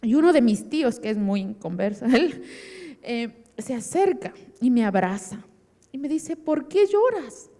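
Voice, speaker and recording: Woman telling her church testimony, higher voice but mellow, lots of hall echo. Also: lively intonation, moderate pace. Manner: vivid storytelling, acting out remembered dialogue. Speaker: church member giving testimony. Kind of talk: emotional personal testimony.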